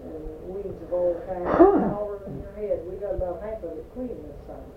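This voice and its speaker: A woman's voice: lowish voice, moderate pace. An older woman with an Appalachian accent, chatting casually and telling family stories. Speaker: family member reminiscing. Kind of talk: casual chat, storytelling. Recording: echoey, distant, noisy, phone-like home recording.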